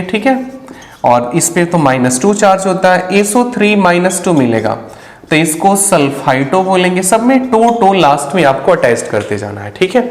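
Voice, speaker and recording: A man giving a patient, explanatory chemistry lecture for an online class, often pausing to check that students are following. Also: high-pitched. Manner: patient, explanatory, ends phrases with a checking "ठीक है". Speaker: chemistry teacher. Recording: roomy with a long reverb tail.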